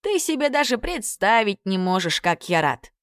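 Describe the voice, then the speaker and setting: A woman's voice: medium pitch, big pitch swings, moderate pace, dry recording, studio quality, voice pushed up, lightly acted. A woman voicing a chatty, self-pitying two-headed male serpent who talks in a wheedling, overfamiliar way. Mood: confiding, wheedling.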